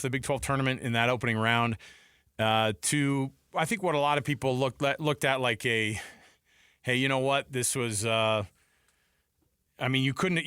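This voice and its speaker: Medium in pitch and fairly bright in tone, with no echo, this man hosts a casual sports talk show from a radio studio. He's a sports radio host who uses a close studio microphone and speaks in an emphatic, exclamatory, conversational way.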